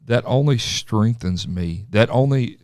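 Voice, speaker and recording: A man, a pastor hosting a casual podcast chat with halting restarts and easy laughs. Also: mid-range voice, expressive, a little mellow, smooth, no echo, clean studio sound.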